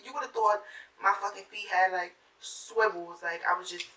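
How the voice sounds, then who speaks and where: Young woman, brash storyteller on her beauty channel, bright voice, roomy room, mic a few feet off. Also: mid-range voice, moderate pace, far from the mic, a little hiss or hum. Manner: animated, profane, acts out the quotes. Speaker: beauty vlogger. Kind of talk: casual storytime while doing makeup. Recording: roomy sound, mic set back.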